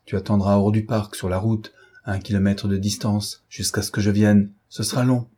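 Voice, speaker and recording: A man reading the lines of a self-assured male gentleman thief from an audiobook, speaking in a commanding, wry and boastful way. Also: fairly low pitch, level tone, normal speed, husky.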